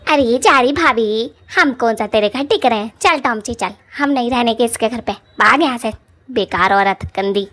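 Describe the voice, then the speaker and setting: A woman voicing a quarrelsome young witch woman in a cartoon, loud, rough and scolding. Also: very high-pitched, big pitch swings, normal speed, few pauses, voice pushed up, full character voice. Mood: dismissive.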